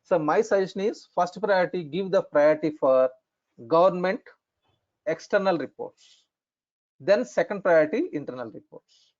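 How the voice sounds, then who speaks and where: A man with an Indian accent explaining things as an instructor in an online lesson, in halting, repetitive phrasing. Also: sits high, animated, darkish tone. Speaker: instructor in functional finance consulting. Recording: dull, lo-fi online call audio.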